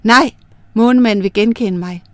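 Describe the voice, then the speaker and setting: A clever young girl speaks quickly and defiantly, her voice lifting higher than the teller's own, as a woman reading the story puts her on. The recording is close and dry. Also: dry recording, close to an everyday voice. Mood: refusing. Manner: quick, defiant, sometimes calling out.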